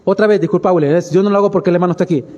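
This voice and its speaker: High-voiced Salvadoran pastor preaching. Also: male voice, very fast, darkish tone, dull audio. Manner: conversational preaching, keeps addressing listeners as brother, rhetorical questions. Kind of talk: sermon. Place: church sanctuary. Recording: long church-hall reverb.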